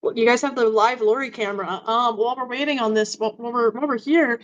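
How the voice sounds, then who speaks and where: A woman livestreamer chatting casually with friends in a playful, animated gamer-girl manner. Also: fairly high pitch, quick pace, muffled recording. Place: home office.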